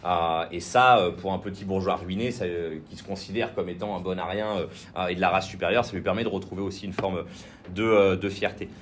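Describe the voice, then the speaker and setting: Deep-voiced hesitant French lecturer. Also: male voice, steady tone, brisk, slight background noise. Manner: hesitant, many fillers and restarts. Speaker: political trainer. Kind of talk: informal political lecture. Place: indoor training session room.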